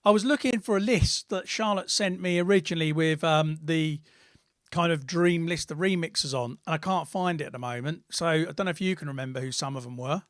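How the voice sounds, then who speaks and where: A man's voice: on the high side, a little fast, no echo. A man hosting a casual live podcast from his home studio room, chatty and rambling, with friendly teasing. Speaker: podcast host and record label producer. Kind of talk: casual live-stream chat.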